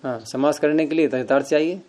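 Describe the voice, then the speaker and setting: Man, slightly high voice, patient Sanskrit grammar teacher, informal class explanation. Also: a little fast, darkish tone. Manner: patient, explains with everyday examples and asides.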